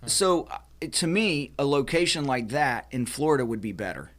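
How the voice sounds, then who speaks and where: A man's voice: medium pitch, lively intonation, moderate pace, fairly bright tone. Emphatic American man lecturing his friends. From United States. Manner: emphatic, lecturing, with many restarts. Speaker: podcast co-host. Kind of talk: casual roundtable chat.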